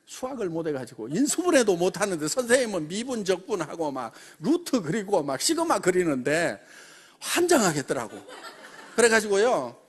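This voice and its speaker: A middle-aged company chairman from Jeolla addresses members in a rousing motivational talk. His voice sits high for a man and swings widely in pitch. He keeps prodding the audience with rhetorical questions. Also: normal speed, slightly rough. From Jeolla region, South Korea. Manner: animated, peppers speech with rhetorical questions and laughs.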